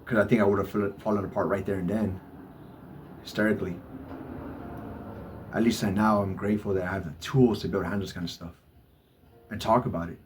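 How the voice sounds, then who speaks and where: A man speaking in a halting personal vlog monologue, with many stammered repeats. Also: lowish voice, steady tone, a little hiss or hum. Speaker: vlogger. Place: Los Angeles. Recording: faint music behind.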